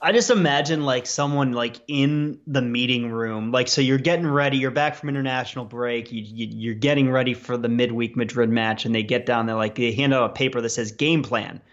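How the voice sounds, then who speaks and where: A man co-hosting a casual podcast, pitched in an ordinary middle range. He talks in a dry, sarcastic way. His recording sounds slightly dull and muffled. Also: fairly even intonation, a little fast, few pauses. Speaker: podcast co-host.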